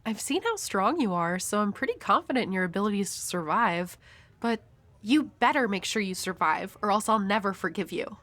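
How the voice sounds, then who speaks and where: A woman's voice: mid-range voice, animated, a little fast, a bit bright, lightly acted. Himeno, a woman playing a flirty, world-weary devil hunter. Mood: wistful, resigned. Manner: teasing, coy, breathy at times. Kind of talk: intimate audio roleplay addressed to the listener.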